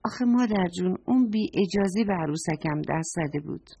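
A woman's voice: fairly low pitch, lively intonation, dark tone, breathy edge, no room sound. A woman voicing a little girl, possessive of her doll. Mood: childish, earnest. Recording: dull lo-fi recording.

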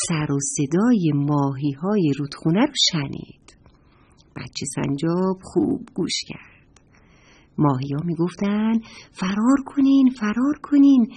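Female storyteller for children, animated, breathy, talks to the kids. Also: low voice. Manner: expressive, addresses the children directly.

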